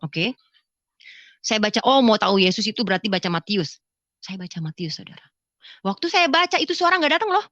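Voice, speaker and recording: A woman giving a spoken religious testimony, acting out conversations with lively vocal shifts. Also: mid-range voice, a little fast, long pauses, no echo, muffled recording. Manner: animated storyteller who acts out dialogue in a raised voice. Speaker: testimony speaker.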